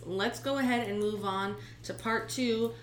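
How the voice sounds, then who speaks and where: A woman's voice: on the high side, measured pace. A young woman co-hosting a casual podcast, brash and sweary, with a slight lisp from a swollen tongue. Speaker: podcast co-host. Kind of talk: casual true-crime podcast banter. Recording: roomy echo, faint background noise.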